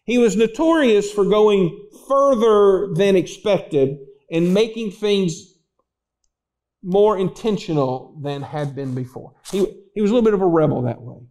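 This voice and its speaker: High-voiced pastor preaching. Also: male voice, a little slow, darkish tone, poor audio. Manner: storytelling, acts out voices in anecdotes. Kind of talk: sermon. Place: church.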